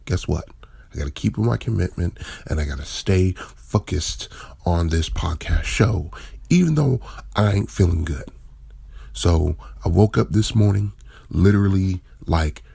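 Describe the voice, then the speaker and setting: A man's voice: sits low, gravelly, darkish tone, husky, no room sound. A man hosting a casual solo podcast, sounding groggy and unwell, rambling informally and correcting himself as he goes. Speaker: podcast host.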